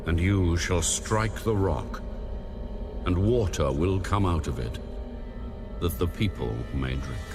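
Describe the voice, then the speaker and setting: A man's voice: deep voice, takes it slowly, pauses often, over music. A man playing God in a dramatized audio Bible, grave, almighty and authoritative. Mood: commanding. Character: God, solemn, commanding, ancient and almighty. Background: musical score.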